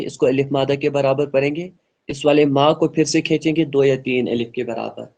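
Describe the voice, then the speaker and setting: A man with a slightly high voice leads an online Quran class. He explains each pronunciation rule earnestly and repeats his points for the students. He then models the verses in a slow, melodic recitation. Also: creaky, darkish tone. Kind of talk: online tajweed lesson, explaining and slowly reciting.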